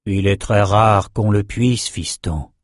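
A man's voice: lowish voice, a little slow, a little mellow, no room sound, clean studio sound. A man voicing a wry, rambling old wizard in an audiobook. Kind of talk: audiobook character voice.

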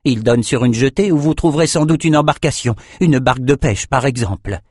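A man's voice: medium pitch, brisk, a little mellow, breathy edge, no echo, studio quality, voice pushed up, lightly acted. A man voicing a frightened old male kitchen slave in an audiobook, speaking hesitantly and fearfully.

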